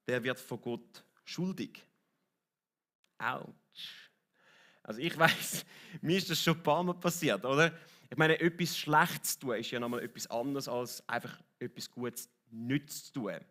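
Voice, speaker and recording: A man's voice: medium pitch, sharp tone. A man with a Swiss German accent preaching a sermon as a pastor, in a conversational, lightly joking way that keeps checking in with his listeners. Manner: conversational, lightly joking, asks the audience "oder?". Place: church hall.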